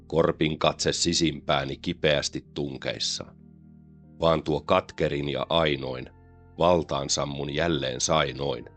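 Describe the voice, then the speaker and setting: A man giving a slow, solemn, dramatic recitation of a poem. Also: a bass voice, a bit bright. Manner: slow, solemn, measured delivery. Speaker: poetry reader.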